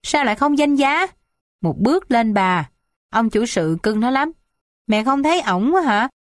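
A woman's voice: expressive, unhurried, dry recording, studio quality. A woman doing a petulant, spoiled young daughter. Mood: defiant. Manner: sulky, petulant, high-pitched.

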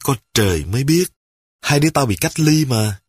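A man voicing a hot-tempered street thug who shouts accusations. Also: mid-range voice, expressive, normal speed, breathy edge, no room sound, studio quality, pitched above the performer's own voice. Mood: angry. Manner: angry, shouting.

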